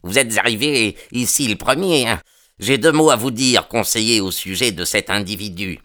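A man's voice: medium pitch, moderate pace, sharp tone, voice pushed up, close to an everyday voice. A man voicing a surly, jealous male gang member in an audiobook, speaking defiantly and with hostility. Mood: furious. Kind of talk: audiobook character reading.

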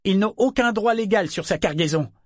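A man's voice: sits high, brisk, dry recording, studio quality, pitched above the performer's own voice, natural voice. A man voicing a young merchant woman who speaks out, raised and urgent. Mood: firm.

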